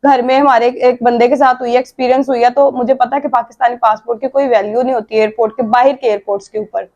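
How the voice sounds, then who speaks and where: A woman's voice: on the high side, fairly even intonation, fast, darkish tone, muffled recording. A woman from Pakistan hosting a reaction video, chatting casually and mixing in English phrases. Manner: chatty, mixes English phrases, frequent fillers.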